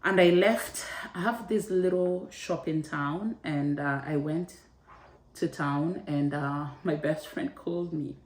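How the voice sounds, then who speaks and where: A woman's voice: deep voice, slow pace, darkish tone, roomy sound. A woman host telling a candid personal story in a conversational way, retelling what others said in her own voice. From Africa.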